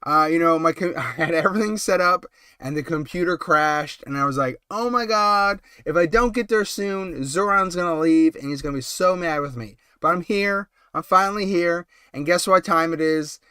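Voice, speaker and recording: A man who has a cold rambles through a relaxed late-night live stream, chatting with many ums and short laughs. His high, bright voice remains smooth and clear, and the sound is dry and close with no echo.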